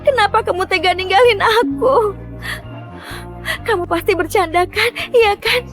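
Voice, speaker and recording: A woman's voice: extremely high pitch, moderate pace, faint music behind. A woman playing a heartbroken, pleading wife abandoned by her husband in a melodramatic drama. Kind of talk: melodramatic short drama acting.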